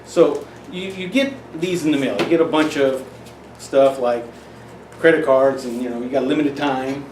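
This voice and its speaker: Over background music, a middle-aged man of medium pitch talks at an ordinary pace, showing parents in a relaxed, homespun way how to teach children numbers. He frequently restarts his sentences, and the audio has a roomy echo, off-mic pickup, and light hiss.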